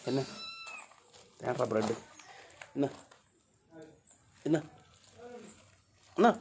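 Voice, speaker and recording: A vlogger talking casually to dogs and cats while feeding them, coaxing, scolding and calling out loudly in homely colloquial speech. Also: medium pitch, animated, very slow, a little hiss or hum. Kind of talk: casual talk to animals.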